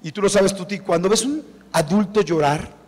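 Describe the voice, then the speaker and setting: A middle-aged man, an author telling animated stories at his book presentation and acting out the people he quotes. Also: high voice, moderate pace. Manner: animated storyteller who acts out quoted people. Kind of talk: anecdotal talk at a book presentation. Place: event hall before an audience. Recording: echoey hall reverb.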